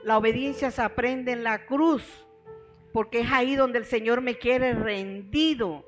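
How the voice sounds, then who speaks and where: A woman's voice: on the high side, a little slow, soft background music. A middle-aged woman pastor preaching a sermon, telling her own story and calling her listeners beloved brothers.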